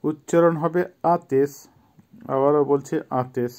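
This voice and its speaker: A man in his fifties from Bangladesh teaching a vocabulary lesson, repeating each word slowly so it can be pronounced. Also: a little high, fairly even intonation, darkish tone. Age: 50s. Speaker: language teacher.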